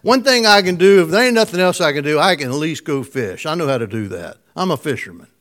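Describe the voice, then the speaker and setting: A man preaching, acting out a weary fisherman who gives up with a flat, resigned drawl. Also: fairly high pitch, fast.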